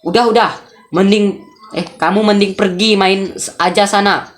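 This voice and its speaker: A woman's voice: medium pitch, fairly even intonation, moderate pace, voice pushed up, lightly acted. A woman voicing a snappy, angry dad. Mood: defensive. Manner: snappy, bossy, dismissive. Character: short-tempered middle-aged father, shouting at family.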